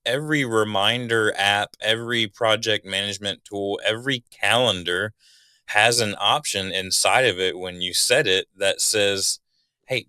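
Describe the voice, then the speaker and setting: Laid-back Southern man, bright tone. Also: fairly low pitch, smooth, no echo, studio quality. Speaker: podcast co-host. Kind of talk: casual podcast chat.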